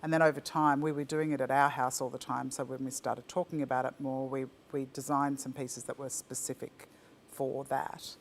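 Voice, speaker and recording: Aussie business owner lady, chatty and excited, talks in loose restarts. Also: a bass voice, normal speed, slight background noise. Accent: Australian. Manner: enthusiastic, chatty, with frequent restarts. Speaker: ceramics company founder. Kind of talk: casual interview chat. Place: virtual talk, faint room ambience.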